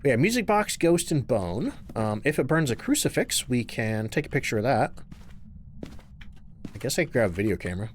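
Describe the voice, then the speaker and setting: A man's voice: mid-range voice, big pitch swings, brisk, slight background noise. A man streaming a horror game, chatting casually with viewers and musing to himself as he plays.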